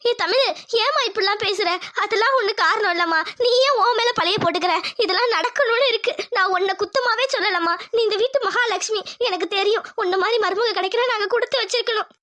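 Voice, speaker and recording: A firm, caring village mother-in-law in a cartoon family drama, acted by a woman. The voice sits very high and chipmunk-bright. It rattles off dramatic scolding lines at a hurried clip. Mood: grieving.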